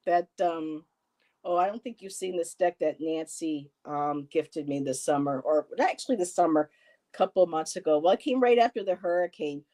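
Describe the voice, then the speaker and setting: A live stream host in her fifties talks in a fairly low, darkish voice. She rambles in easy conversation with a friend, reads out what viewers comment, and laughs often.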